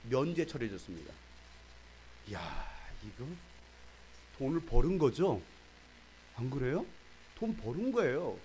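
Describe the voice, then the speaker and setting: A man's voice: medium pitch, sing-song, normal speed, dark tone, a little hiss or hum. A middle-aged male pastor giving a sermon. He tells the story dramatically and quizzes his congregation.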